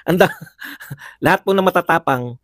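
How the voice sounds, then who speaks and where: A man's voice: high-pitched, a bit bright, dry recording, clean studio sound. A man hosting a live political commentary show, chatty, laughing often and firing rhetorical questions at viewers.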